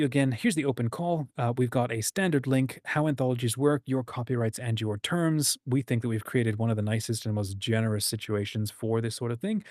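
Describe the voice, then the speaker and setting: A man who hosts a writing community and edits its anthology talks informally to an online group, walking them through a screen share and leaning on his key points. His mid-range voice has a darkish tone, captured with clean studio sound and no echo.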